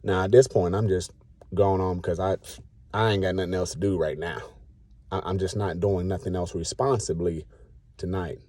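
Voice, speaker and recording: Late-30s male vlogger, blunt and preachy, dark mellow voice, dry recording. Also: low voice, fairly even intonation, moderate pace, no room sound. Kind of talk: casual rant to camera.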